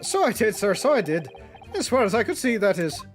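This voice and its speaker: A high-pitched, leprechaun-like gentleman from a courtroom video game. He lilts along theatrically with folksy deference and lively swoops, over game music. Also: a little fast. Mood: coy, folksy. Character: folksy Irish gentleman witness, leprechaun-like, blarney-laden and deferential.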